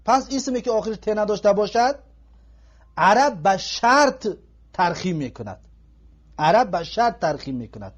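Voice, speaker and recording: A man giving an Arabic grammar lesson in a classroom lecture style, patiently repeating each example slowly. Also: sits high, very animated. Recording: dull lo-fi recording.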